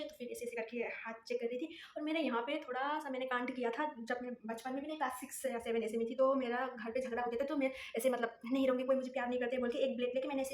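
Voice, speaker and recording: Young female vlogger, chatty and rambling, rapid delivery, roomy echo. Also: on the high side, slight background noise. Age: young adult. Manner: rambling, chatty, repeats herself. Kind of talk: casual storytelling vlog. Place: room at home. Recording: echoey room.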